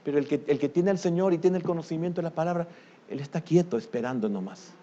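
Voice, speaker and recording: Talking fast, an older man with a Salvadoran Spanish accent preaches a sermon, swinging from loud outbursts down to quiet murmuring. The audio sounds dull.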